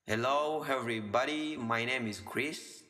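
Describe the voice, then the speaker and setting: A man's voice: mid-range voice, bright, forceful tone, faint music behind. Man teaching in echoey room. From DR Congo. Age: 20s. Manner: slows down and repeats the English example phrases. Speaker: English teacher. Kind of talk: language lesson explained in French. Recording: long reverb, echoey room.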